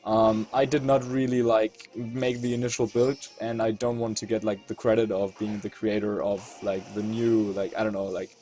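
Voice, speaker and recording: A man's voice: on the low side, flat delivery, normal speed, few pauses, dark tone, soft background music. A man with a German accent giving casual gameplay commentary as a channel host, thinking aloud as he weighs his moves. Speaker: competitive video game player and channel host.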